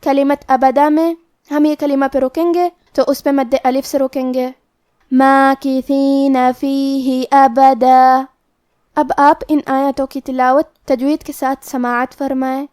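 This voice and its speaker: A woman teaching Quran recitation, explaining tajweed rules slowly and carefully, step by step. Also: high-pitched, fairly even intonation, darkish tone, dry recording, clean studio sound. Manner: slow, careful step-by-step instruction.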